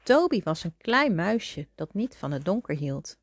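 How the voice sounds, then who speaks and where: A middle-aged woman reading a children's book aloud to her young son, with gentle, expressive storytelling. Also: on the low side, a little slow, no echo, studio quality.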